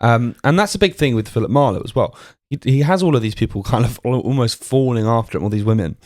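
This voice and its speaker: A man co-hosting a podcast, discussing a film in a rambling, halting way with many fillers. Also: mid-range voice, a little mellow, no room sound, studio quality. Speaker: podcast co-host.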